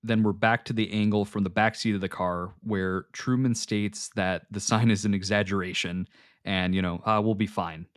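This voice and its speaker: A man's voice: on the low side, moderate pace, no echo, clean studio sound. A man co-hosting a podcast, chatting casually and analytically about a film scene. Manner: relaxed, analytical, with filler restarts. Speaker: podcast co-host. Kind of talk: casual film breakdown chat.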